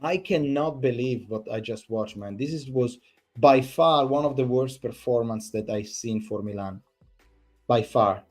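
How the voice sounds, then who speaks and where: A man's voice: medium pitch, measured pace, darkish tone, faint music behind. A man, hosting a fan channel, giving an exasperated, repetitive post-match rant full of swearing.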